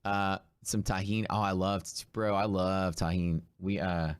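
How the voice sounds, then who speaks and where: A man's voice: low voice, level tone, measured pace, smooth, dry recording, clean studio sound. A hungover man chatting casually and in laid-back slang as he hosts a livestream. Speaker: host of a live day-trading stream.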